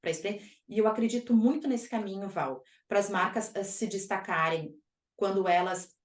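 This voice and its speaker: Energetic woman host in an echoey room. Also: mid-range voice, moderate pace. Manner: energetic, emphatic delivery. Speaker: podcast host. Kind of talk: casual podcast conversation.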